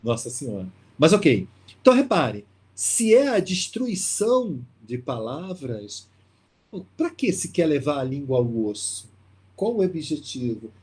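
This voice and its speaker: Man, literature teacher, online class, husky, mellow, lively. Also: fairly high pitch, a little slow. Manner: lively, talkative, exclaims and asks rhetorical questions. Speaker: literature teacher leading a course. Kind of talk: casual online class lecture.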